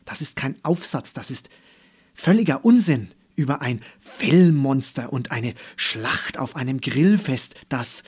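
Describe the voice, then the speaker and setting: A man's voice: mid-range voice, expressive, unhurried, slightly rough. A man doing a stern, scolding female teacher. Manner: cold, severe, growing louder. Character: strict, stern middle-aged female teacher.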